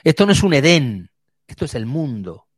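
A man preaching a sermon, vivid, moving between quick runs and slow emphatic words. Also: on the high side, sing-song, slightly rough, no echo, clean studio sound.

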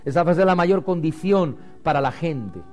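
A man preaching a sermon as pastor, swinging loud and rising to low and quiet. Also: lively intonation, moderate pace, soft background music.

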